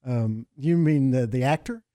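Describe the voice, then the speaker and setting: Male radio co-host, mellow tone, medium pitch, casual chat, dry studio sound. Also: a little slow, no echo.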